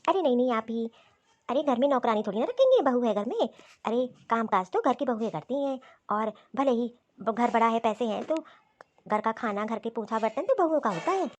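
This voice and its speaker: A woman voicing a scheming, scolding middle-aged mother-in-law in a cartoon, talking in a sharp, taunting, bossy way. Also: on the high side, animated, a little fast, pitched below the performer's own voice. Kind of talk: cartoon voice acting.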